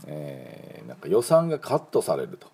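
A man with a low, gravelly, slightly husky voice, giving an English pronunciation lesson. His pitch swings widely as he drills words and pauses on fillers. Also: huge pitch swings, mellow. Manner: many fillers, repeats words for learners to copy. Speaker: English school principal and teacher.

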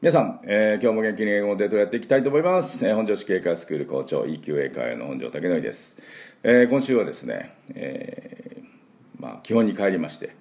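Middle-aged guy teaching english pronunciation, low voice that swings up and down a lot, rambles then drills words for you to repeat. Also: a little mellow. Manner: chatty, digressive, drills phrases for listeners to repeat. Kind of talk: spoken English pronunciation lesson.

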